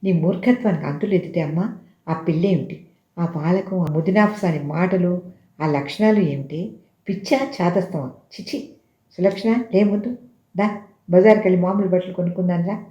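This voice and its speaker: A storyteller voicing an indignant, exasperated middle-aged man who shouts in protest, in a roomy, dull recording. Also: medium pitch, level tone, moderate pace, vocal fry, lightly acted.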